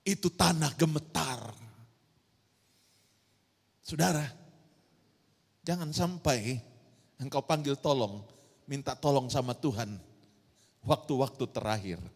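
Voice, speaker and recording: Woman preacher, gravelly and emphatic, questions the congregation directly, recorded in a big echoing church hall. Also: rumbling low, slow, pauses often, darkish tone. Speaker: pastor. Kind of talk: sermon. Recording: long church-hall reverb.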